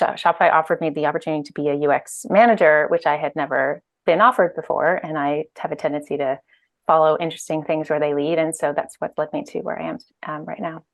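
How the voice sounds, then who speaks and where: A woman in her thirties, a guest on a video-call interview, talking casually with many fillers and restarts. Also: sits low. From Ireland and Canada. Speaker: guest, UX director and author. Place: bright room at home. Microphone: earphone mic on video call.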